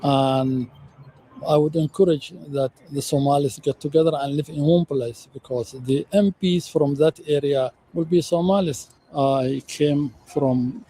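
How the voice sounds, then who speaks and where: A man answering questions in a street interview outdoors, speaking in a halting, measured way with pauses. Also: fairly high pitch, fairly even intonation, dark tone, a little hiss or hum, rough recording.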